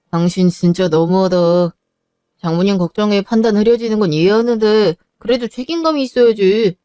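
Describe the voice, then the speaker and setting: A woman's voice: fairly low pitch, warm tone, smooth, no room sound, studio quality, voice pushed down, lightly acted. A woman voicing a cold, selfish middle-aged husband who talks curtly and dismissively. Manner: curt, dismissive. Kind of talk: narrated drama voice acting.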